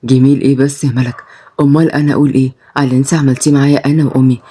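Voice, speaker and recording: A woman voicing a repentant former mafia boss, a young man speaking gently and earnestly in Egyptian Arabic. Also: a bass voice, flat delivery, rapid-fire, husky, voice pushed down. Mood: tender.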